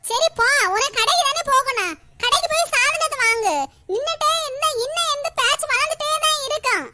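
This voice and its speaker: A woman's voice: extremely high pitch, brisk, pushed and bright, slight background noise, heavily acted. Woman voicing a firm village peacemaker. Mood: calming. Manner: soothing, firm, telling others to stop. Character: older village woman peacemaker, calm elder sister. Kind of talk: animated cartoon voice acting.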